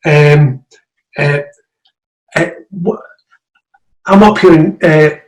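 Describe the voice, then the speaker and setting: A man's voice: fairly high pitch, drawn-out words. Glaswegian man, hesitant, roomy sound. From Scotland. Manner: hesitant, many fillers. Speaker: audience member asking a question. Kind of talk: casual chat. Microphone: video call.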